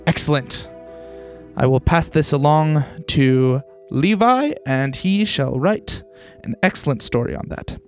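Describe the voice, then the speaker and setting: A man's voice: on the high side, expressive, measured pace. Man playing a stammering, fussy newspaper writer. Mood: brisk, squeamish. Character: squeamish, apologetic, fussy male newspaper writer. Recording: background music under the voice.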